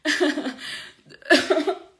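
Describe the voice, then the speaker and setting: A woman makeup artist chatting on a live stream, with a sore throat, animated and laughing often. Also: extremely slow, roomy sound. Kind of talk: motivational live chat.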